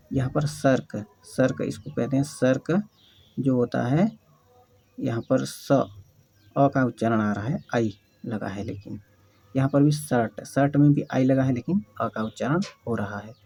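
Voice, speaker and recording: A man's voice: medium pitch, creaky, warm tone, husky, low-quality recording. A man teaching English phonics step by step, spelling out letters and quizzing the viewer with repeated questions.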